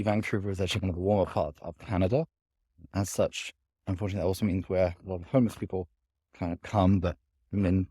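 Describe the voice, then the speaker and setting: A man's voice: low-pitched, mellow, slightly rough, dry recording. A man giving a casual, rambling vlog to camera while walking outdoors, often hedging as he talks. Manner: rambling, hedging with sort of and kind of. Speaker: vlogger. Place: outdoors in a city park.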